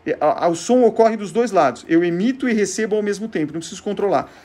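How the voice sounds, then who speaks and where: A man with a high, expressive, warm voice and a Brazilian Portuguese accent talks fast as he hosts a show on vintage gadgets. His informal, teaching style has him posing questions to himself and answering them in a casual explanatory demonstration.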